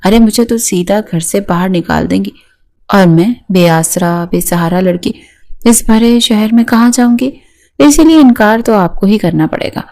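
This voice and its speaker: A woman's voice: mid-range voice, mellow, natural voice. A woman voicing a sly, self-pitying teenage girl. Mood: pleading. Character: scheming, dramatic orphan girl, under eighteen.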